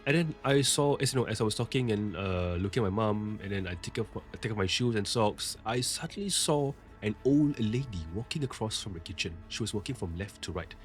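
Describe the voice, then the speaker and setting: A man's voice: lowish voice, expressive, a little fast, hardly any pauses, soft background music. A male podcast host retelling a listener's ghost story in a casual, conversational way, with frequent asides.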